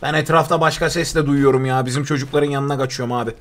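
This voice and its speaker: A young man streaming a live game, chatting with viewers and teammates in a joking way with excitable outbursts. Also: mid-range voice, fast talker. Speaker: gaming streamer. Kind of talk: live gameplay commentary.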